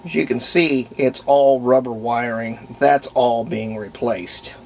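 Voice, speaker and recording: Slow, gravelly, and a little mellow, this man's mid-range voice belongs to the host of a radio restoration video. He works through a repair on camera in a casual, unscripted way, talking plainly and reasoning out loud as he goes.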